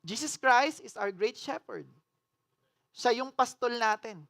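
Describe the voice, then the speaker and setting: A woman pastor preaches a sermon, mixing English phrases in and asking the congregation questions. Her voice is on the high side, expressive and slow, swinging between loud declarations and hushed, earnest appeals.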